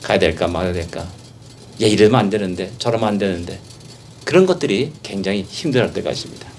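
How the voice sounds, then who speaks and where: A male pastor preaching a sermon, emphatic, with rhetorical questions and repeated phrases, swinging from soft passages to loud exhortation. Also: lowish voice, animated, brisk, a little hiss or hum.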